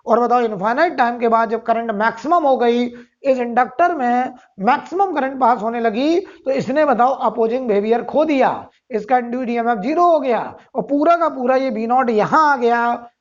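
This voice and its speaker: A man's voice: very high-pitched, normal speed. A male physics teacher giving a recorded lecture, asking rhetorical questions, answering them himself, and repeating key phrases. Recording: dull lo-fi sound.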